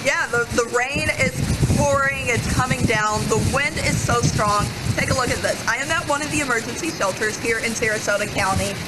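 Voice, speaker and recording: A woman's voice: on the high side, a little fast, hardly any pauses. A woman working as a field reporter, giving an urgent, emphatic live report outdoors over strong wind. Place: outdoors at a school storm shelter. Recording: outdoor mic in loud storm noise.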